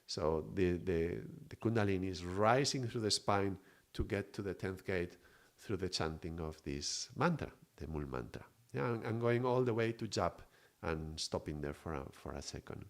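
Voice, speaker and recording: Reflective man, low voice. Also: animated. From Mallorca, Spain. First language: Spanish. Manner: reflective, unhurried, greets viewers by name. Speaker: spiritual teacher streaming live. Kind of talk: live-stream spiritual teaching.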